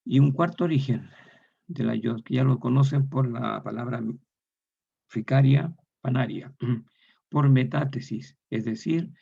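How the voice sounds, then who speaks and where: Slow gravelly man lecturing. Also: mid-range voice, warm tone. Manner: slow, methodical, repeats example words aloud. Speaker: university lecturer. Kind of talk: recorded lecture. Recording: dull lo-fi recording.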